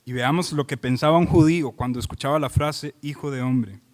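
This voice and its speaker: A man's voice: medium pitch, brisk, a little mellow, in a large hall. A man preaching an expository sermon, driving his points home with repeated phrases and questions put to the congregation. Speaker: pastor.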